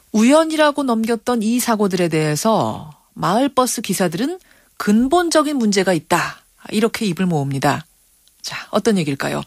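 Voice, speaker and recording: A woman's voice: mid-range voice, dry recording, clean studio sound. A woman radio news host interviewing in an inquisitive, emphatic manner. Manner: inquisitive, emphatic, reacting with surprise. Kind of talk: broadcast interviewing.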